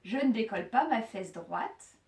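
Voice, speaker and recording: A woman leads a Pilates session at an unhurried pace, calmly cueing inhales and exhales and slipping in playful jokes. Her voice comes from a distance in a roomy, echoing space. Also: mid-range voice, gravelly. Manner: calm counting of breaths, joking asides. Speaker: fitness instructor. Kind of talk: guiding a Pilates class. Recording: echoey room, voice from far off.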